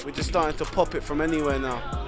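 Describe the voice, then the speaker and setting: Man, higher-leaning pitch, casual match commentary, clear music bed behind. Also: fairly even intonation, fast. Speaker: player-commentator of a football vlog.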